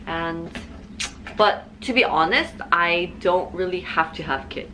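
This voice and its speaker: A woman's voice: fairly low pitch, unhurried, sharp tone, a little hiss or hum, low-quality recording. A woman, chatting earnestly and often quoting her own thoughts. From Korea. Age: 30s. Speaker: guest. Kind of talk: casual chat. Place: indoors, getting ready.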